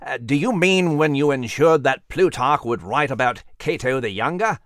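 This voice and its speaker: A man's voice: medium pitch, expressive, normal speed, fairly bright tone, dry recording, studio quality, close to an everyday voice. A man reading a storybook, voicing a bespectacled male animal who is polite and methodical. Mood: musing. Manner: courteous and methodical, says "my dear". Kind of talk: storybook character voice.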